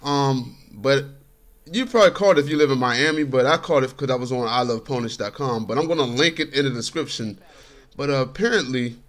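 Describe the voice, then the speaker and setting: A man's voice: medium pitch, fairly bright tone. A man talking casually over gameplay from his bedroom, chatty and laid-back and laughing often. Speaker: gaming commentator.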